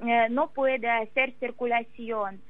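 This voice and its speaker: High-pitched Ukrainian woman, halting and slow. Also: steady tone, dry recording, phone-quality sound. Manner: halting, searching for words in non-native Spanish. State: emotional. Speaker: interview guest. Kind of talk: halting spoken testimony in an interview.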